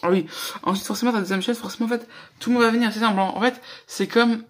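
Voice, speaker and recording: A man's voice: high voice, fairly even intonation, fast talker. A young man doing casual reaction commentary, rambling, slangy and swearing a lot. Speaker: reaction YouTuber.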